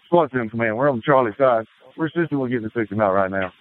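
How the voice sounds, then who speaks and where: Very rapid urgent male firefighter on radio. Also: medium pitch, lively intonation, slight background noise. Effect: two-way radio. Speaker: firefighter reporting to incident command. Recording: tinny narrow radio transmission.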